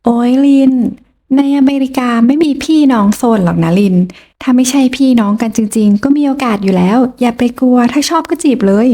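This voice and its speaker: A woman's voice: a little high, fairly quick, dark tone. A woman playing a bold cheerful female coworker. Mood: teasing. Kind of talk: audiobook character voice.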